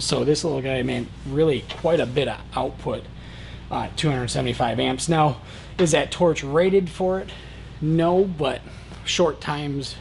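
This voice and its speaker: A man in his thirties with a gravelly, creaky voice demonstrates welding equipment in a large warehouse. He talks in a relaxed, plain-spoken way, full of "uh" and "um", at a mid pitch. The camera mic picks him up from a few feet away, with clear background noise. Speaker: welding supply product reviewer. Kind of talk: casual product demonstration.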